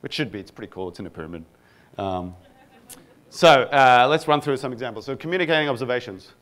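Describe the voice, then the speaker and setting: A man's voice: medium pitch, lively intonation, fast talker, a bit bright. A man from Egypt, a product manager, giving a casual conference talk to a live audience, with many fillers and self-deprecating asides.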